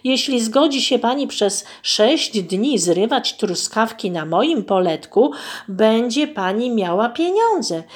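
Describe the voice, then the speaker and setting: A courteous innkeeper from a storybook, calm and measured as he talks a guest into a deal, voiced by a woman reading aloud. His lines carry a lively, slightly raised lilt. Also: a little high, pitched above the performer's own voice. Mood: persuasive. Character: polite male guesthouse owner, smooth talker.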